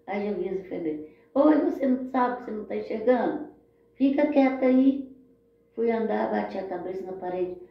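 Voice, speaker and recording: Woman telling her story in an echoey room. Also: mid-range voice. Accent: Brazilian Portuguese. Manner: heartfelt, repetitive, often turning to listeners with "gente" and "né". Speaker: storyteller sharing her life. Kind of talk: personal storytelling. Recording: very echoey, dull lo-fi sound.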